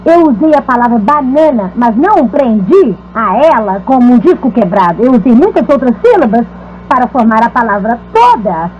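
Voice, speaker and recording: High-voiced woman preacher, animated teaching style, dull lo-fi sound with faint hum. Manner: lively, chanting repeated words in demonstration. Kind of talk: dubbed teaching talk to a congregation.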